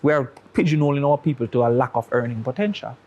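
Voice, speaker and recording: The recording has a lo-fi sound: a talk-show guest with a Jamaican accent, medium-pitched and a little mellow, talking fast. He pushes his opinions using analogies and rhetorical questions.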